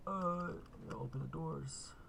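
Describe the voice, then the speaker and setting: A man's voice: a little high, unhurried, vocal fry, a bit bright, slight background noise. A man giving a laid-back, casual gameplay walkthrough, full of uh and kinda. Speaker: gaming video host.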